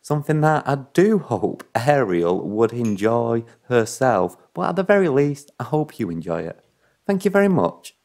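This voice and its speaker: A man walks viewers through a cocktail recipe in a chatty, playful voice-over, breaking off now and then with apologetic asides. His voice has a gravelly, fry-tinged texture and sits at an ordinary middle pitch. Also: very animated, moderate pace, darkish tone. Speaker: cocktail show host.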